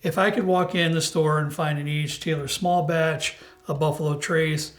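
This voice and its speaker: A man's voice: fairly high pitch, steady tone, normal speed. A man hosting a casual, opinionated drinks review chat, with an unstable, grainy voice as if getting over being sick. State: unsteady voice while recovering from illness. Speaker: host of a bourbon review show. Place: home basement bar.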